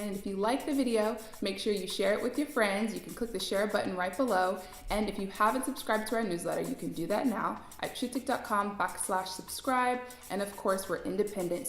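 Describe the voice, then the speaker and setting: A woman hosting a live web show from an office, asking questions briskly and politely before signing off. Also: mid-range voice, reverberant. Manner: brisk, polite, wraps up quickly. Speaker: host.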